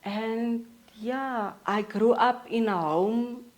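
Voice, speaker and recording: This is casual interview talk from a podcast guest, a South African counselor in her forties whose voice runs a little high. She speaks in a steady, matter-of-fact manner with plenty of pauses.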